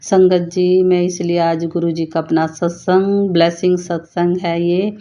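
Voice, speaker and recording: A woman giving an earnest personal devotional testimony, talking in a halting way with frequent restarts. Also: on the low side, level tone, mellow. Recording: dull lo-fi voice note.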